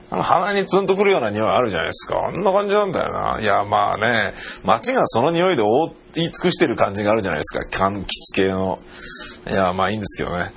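Husky, lively middle-aged male storyteller. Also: medium pitch. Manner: animated storyteller who acts out quoted voices. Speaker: radio personality telling a travel story. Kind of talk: casual monologue.

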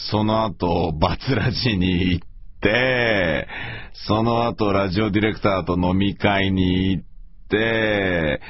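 A middle-aged man with a hoarse, gravelly voice, rambling casually and self-deprecatingly as he hosts a solo radio talk. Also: low voice. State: morning hoarseness after heavy talking. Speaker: radio show host and voice performer. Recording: slightly dull, lo-fi audio.

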